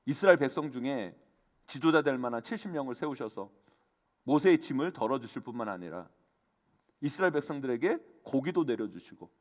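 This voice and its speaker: A man's voice: medium pitch, expressive, brisk. A man, the senior pastor, preaching a fervent sermon and addressing the congregation again and again. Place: church sanctuary. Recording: long church hall reverb.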